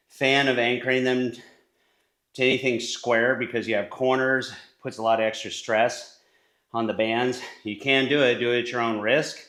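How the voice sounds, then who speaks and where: A man coaching a leg workout in his own home gym, talking casually as he demonstrates each move. He sits at an ordinary middle pitch and sometimes drifts away from the camera mic. The room around him is bare and echoey. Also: a bit bright. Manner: casual, coaching while exercising, sometimes short of breath. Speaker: fitness coach. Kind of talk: workout instruction.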